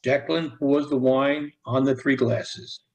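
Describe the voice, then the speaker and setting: A man reading the stage directions aloud in an amateur play, with a plain, even delivery. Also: medium pitch, unhurried, poor audio. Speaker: narrator.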